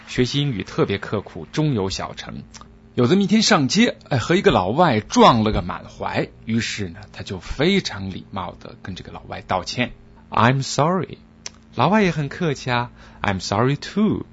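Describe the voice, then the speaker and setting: A man telling jokes in a chatty, expressive storytelling style. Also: medium pitch, fairly quick, lo-fi sound, a little hiss or hum. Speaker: joke teller, show host. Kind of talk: comic storytelling.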